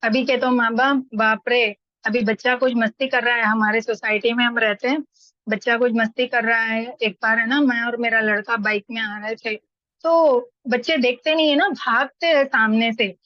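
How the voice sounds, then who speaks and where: A woman's voice: a little high, steady tone, moderate pace, no echo. A middle-aged woman talking casually in a study group, telling everyday stories and acting out the people she quotes. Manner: chatty, anecdotal, acts out quoted voices. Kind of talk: casual spoken discussion. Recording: dull lo-fi dry sound.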